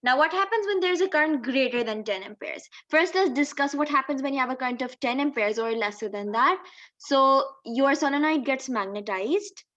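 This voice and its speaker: Speaking at a normal speed, a woman whose voice sits high and sounds a bit bright walks through a physics lesson step by step, asking questions while she explains. The recording has a dull, lo-fi microphone quality.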